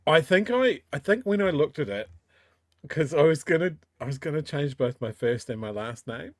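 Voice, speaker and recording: A man's voice: a little high, lively intonation, normal speed, no echo, clean studio sound. Broad Kiwi man chatting casually. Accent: broad New Zealand. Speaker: talk show co-host. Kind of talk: casual chat, personal anecdotes.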